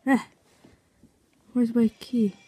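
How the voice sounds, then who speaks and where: Slow-talking woman narrating her game. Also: fairly high pitch, flat delivery, dark tone, slightly rough. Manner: chatty, reads game notes aloud, reacts while playing. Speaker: game video maker. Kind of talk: casual gameplay commentary.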